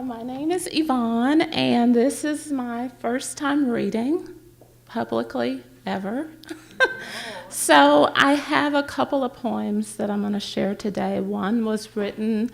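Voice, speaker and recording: A woman reading her own poems aloud at a public library event, with a measured, gentle recitation. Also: fairly high pitch, gravelly.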